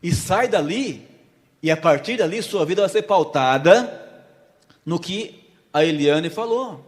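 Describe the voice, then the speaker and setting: A man preaches to his congregation, acting out a story and throwing questions at the listeners. His voice sits somewhat high for a man. It rings out with a long reverb from the church hall. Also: animated, measured pace. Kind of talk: sermon with a volunteer illustration.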